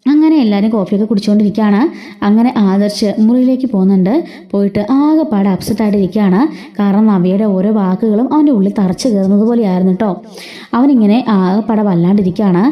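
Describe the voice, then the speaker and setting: A woman storyteller recaps a serial in a fast, chatty flow, with frequent asides to her listeners. Her voice sits mid-pitch, and the recording sounds muffled and lo-fi. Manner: chatty, keeps adding tag asides. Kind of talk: casual story retelling.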